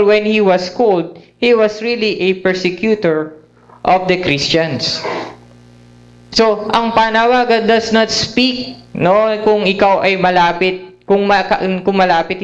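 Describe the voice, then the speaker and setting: A man's voice: sits high, lo-fi sound. A man with a Filipino accent preaching a sermon at a prayer meeting, mixing English and Tagalog and often asking his listeners tag questions. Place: church hall.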